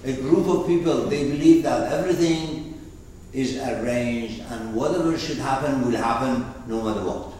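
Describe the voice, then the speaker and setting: With a mellow, mid-range voice at a moderate pace, an Arabic-accented man teaches a class, wandering off topic as he explains terms and asks the room questions. The recording sounds distant and roomy, with slight background noise.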